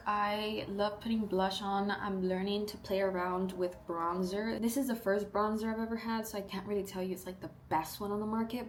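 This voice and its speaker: With a medium-pitched voice and slight background noise, a twenty-two-year-old woman with a South Texas accent does her makeup at home while chatting. This beauty vlogger's get-ready-with-me talk is upbeat and animated, full of asides and playful put-on voices.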